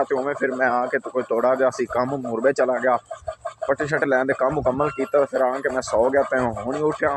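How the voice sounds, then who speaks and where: Chatty Punjabi village vlogger man. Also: medium pitch. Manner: chatty, jokey, keeps urging viewers to subscribe. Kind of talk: casual vlog talk to camera. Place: outdoors in a village, walking. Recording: noisy outdoor phone recording.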